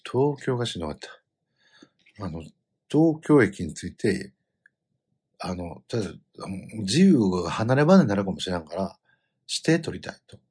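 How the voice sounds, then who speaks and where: A middle-aged man with a Kansai accent tells a rambling family story in a casual way. His voice is low and a little husky, and his pitch swings widely as he gets animated. Now and then he bursts out loudly. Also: normal speed, long pauses. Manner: animated storytelling, bursts into loud quoted outbursts. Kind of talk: casual chat.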